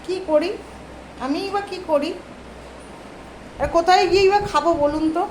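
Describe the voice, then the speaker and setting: Woman, high voice, fond coaxing baby talk, home vlog, noisy background. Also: normal speed, darkish tone. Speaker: vlogger talking about her pet. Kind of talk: casual vlog narration. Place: home, indoors.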